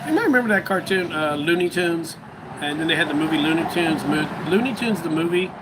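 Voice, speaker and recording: American male livestream host, fairly high voice, loose rambling chat, noisy background. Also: lively intonation, a little fast. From United States. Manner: rambling, musing aloud to viewers.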